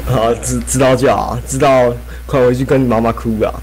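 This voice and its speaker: A man's voice: medium pitch, little pitch movement, normal speed, a crowd in the background. A young man, taunting and laughing at his opponent in a voice-chat argument. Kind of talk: heated trash talk.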